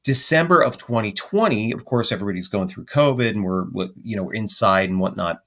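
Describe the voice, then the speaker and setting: A man who is a guest paranormal investigator, telling a story on a podcast in an animated, rambling way and correcting himself as he goes. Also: fairly low pitch, brisk.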